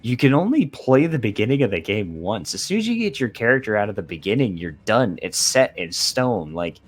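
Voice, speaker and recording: A man with a lowish voice talks casually on a podcast, swinging his pitch up and down a lot. He rambles in an animated, joking way, with soft music playing faintly behind him. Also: a little fast. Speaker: podcast guest.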